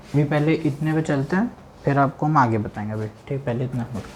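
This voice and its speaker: A man's voice: mid-range voice, a little fast, slight background noise. A man teaching chemistry, lecturing a class and repeating key terms back as questions.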